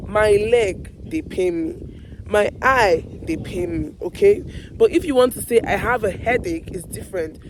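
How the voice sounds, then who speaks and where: Despite a hoarse, fading voice, a Nigerian woman teaches everyday phrases as an online video host, repeating each example slowly and deliberately. She addresses viewers directly at medium pitch, with a noisy background behind her.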